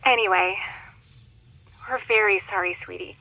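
A woman playing a young mother who pilots a cargo starship, talking warmly and apologetically in a recorded message. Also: medium pitch, normal speed, creaky, no room sound, low-quality recording. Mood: apologetic. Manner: warm and apologetic.

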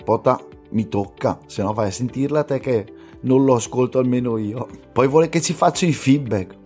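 A man's voice: mid-range voice, normal speed, a little mellow, soft background music. A man with a Lombard accent from northern Italy giving a casual, colloquial, jokingly resigned listener promo. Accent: Lombard, northern Italian.

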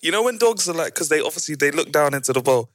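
A man's voice: a little high, quick pace, dry recording, clean studio sound. A man with a London roadman accent chatting casually in slang as a podcast co-host.

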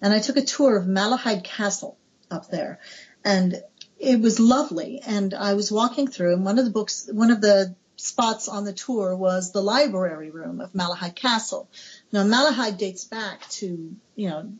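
American woman in her 40s gushing about her book, kinda husky, muffled lo-fi sound. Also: mid-range voice, moderate pace. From United States. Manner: gushing, chatty, laughs often. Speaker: author guest. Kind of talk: casual interview chat. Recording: dull lo-fi recording.

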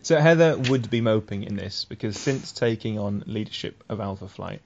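A man's voice: lowish voice, animated, moderate pace, creaky, dull audio, a little hiss or hum. A man hosting a casual podcast chat, patiently explaining the backstory of a comic series. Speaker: podcast host.

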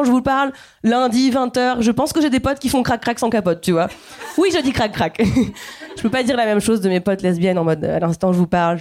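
A woman's voice: medium pitch, a little mellow. Chatty woman in her thirties doing stand-up. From Guadeloupe. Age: 30s. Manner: playful, chatty, addresses audience directly. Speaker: stand-up comedian. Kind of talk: stand-up comedy set. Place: comedy stage.

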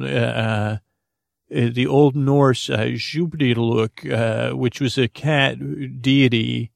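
A man hosts a bedtime podcast with a gravelly, heavily creaky voice, improvising in a halting, meandering, goofy manner that drifts into tangents. Recorded dry and close with no room sound, his voice sits at a middling male pitch.

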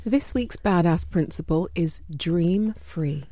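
A woman co-hosting a talk show, saying one line in a soft, slow, dreamy voice. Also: fairly low pitch, no room sound. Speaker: co-host. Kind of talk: radio talk show chat.

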